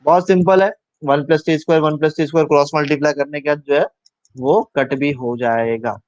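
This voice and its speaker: Male maths tutor, slightly high voice, dull dry recording, walks students through steps and quizzes them. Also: steady tone, a little fast, a little mellow, no echo. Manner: talks through steps aloud, asks students questions; mixes English maths terms into Hindi. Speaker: maths teacher. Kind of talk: live online maths class.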